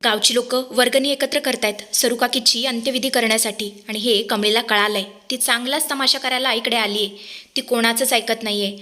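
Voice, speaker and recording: A woman's voice: fairly high pitch, fairly even intonation, a little fast, pushed and bright. A woman reading the part of a frightened young village man who pleads urgently for help. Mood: panicked.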